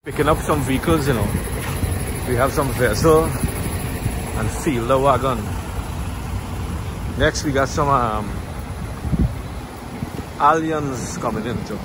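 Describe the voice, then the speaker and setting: A man's voice: mid-range voice, takes it slowly, long pauses. Upbeat Guyanese man vlogging outdoors. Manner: chatty, upbeat, Creole-tinged phrasing. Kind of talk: casual vlog commentary. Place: busy outdoor wharf street with trucks. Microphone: phone held at arm's length. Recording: outdoor street noise behind.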